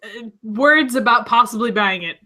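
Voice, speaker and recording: A woman co-hosting a casual motorsport podcast, chatty and excitable, often giggling. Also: fairly high pitch, moderate pace. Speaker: podcast co-host. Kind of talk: casual chat.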